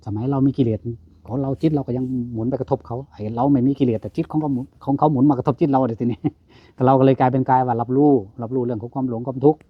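A Buddhist monk with a husky, slightly breathy voice guides someone through meditation, coaxing and affirming in short repeated bursts. The recording is dull and lo-fi. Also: male voice, medium pitch, fairly even intonation, very fast, no room sound. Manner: coaxing, repetitive, urges and affirms. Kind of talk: guiding a meditation session.

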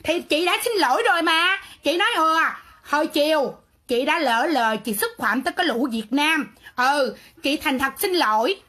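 A woman with a Southern Vietnamese accent ranting into her livestream, her voice very high and piercingly bright. She sounds defiant and sarcastic, and she keeps talking back in a quarrelsome way. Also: expressive, moderate pace, few pauses. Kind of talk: livestream rant.

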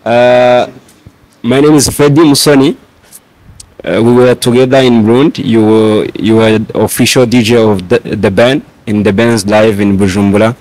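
A man, a journalist, greeting a guest loudly before asking a question. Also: lowish voice, fairly even intonation, normal speed, no room sound, low-quality recording.

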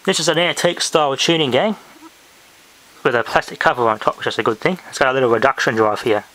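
Indoors in a home room, a man casually demonstrates a hands-on hobby, thinking out loud, filmed on a handheld camera or phone. His medium-pitched voice is quick, bright and forceful. The home video is noisy, with clicks.

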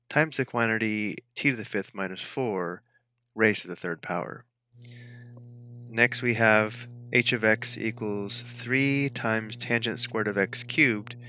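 A man narrating a math tutorial as an instructor, dictating each entry step by step in a measured way. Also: lowish voice, pushed and bright, no room sound, muffled recording.

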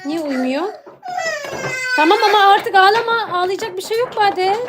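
A woman's voice: extremely high pitch, animated, normal speed. A woman filming a home vlog, coaxing and soothing her crying children while talking to viewers. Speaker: mother and channel host. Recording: loud background noise.

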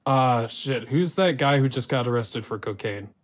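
A man hosts a loose, casual conversation. He rambles and stresses his opinions hard, with plenty of fillers and the occasional swear word. His voice sits at an ordinary middle pitch. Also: moderate pace. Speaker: podcast host. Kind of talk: casual chat.

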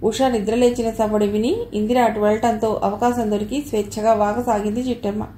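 Woman, audiobook narrator, steady storytelling, roomy echo, faint hiss. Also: on the high side, a little fast. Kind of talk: Telugu audio novel reading. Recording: echoey room with faint noise.

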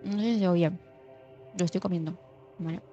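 A woman's voice: on the low side, steady tone, moderate pace. A young woman from chatting casually and muttering to herself while playing a game as a streamer. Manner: chatty, muttering, drops to mock ASMR hush. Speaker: gaming streamer. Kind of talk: casual gameplay chat. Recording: slightly dull sound, faint music.

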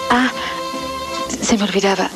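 Earnest young daughter played by a woman, mid-pitched, old film drama with loud music. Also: a little slow, close to an everyday voice, low-quality recording. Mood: serious, worried. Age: young adult. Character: young student daughter, earnest and close-knit.

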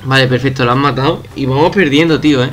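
Excitable young gamer, bright voice. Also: male voice, mid-range voice, fast, soft background music. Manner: excitable, swears and shouts at opponents. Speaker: gaming youtuber. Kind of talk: casual gameplay commentary. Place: at home.

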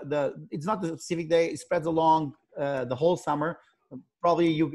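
Halting through many "and" restarts and repeated words, a middle-aged Portuguese-accented man speaks as a video call guest; he runs a sailing company. His pitch is fairly high and somewhat mellow.

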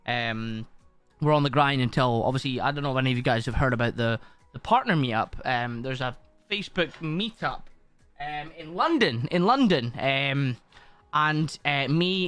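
A man's voice: medium pitch, expressive, normal speed, fairly bright tone, clean tone, no echo, soft background music. A man chatting casually to his viewers on a live stream, swearing often and greeting people by name.

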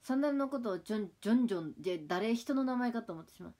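Very fast and on the high side, a woman in her twenties talks in a Kagawa dialect while hosting an idol livestream. She keeps things relaxed and chatty, picking up viewer comments and answering them.

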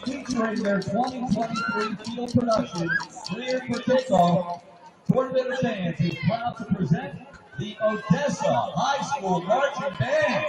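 A man giving a formal announcement over the stadium loudspeaker, in a measured, ceremonial reading style. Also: very high voice, huge pitch swings. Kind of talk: formal public-address announcement. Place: outdoor football stadium. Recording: echoey loudspeaker from far off, crowd noise. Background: crowd murmur.

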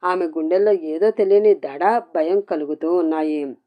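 A woman narrating a scripted story with an even, expressive reading. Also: lowish voice, normal speed, lo-fi sound.

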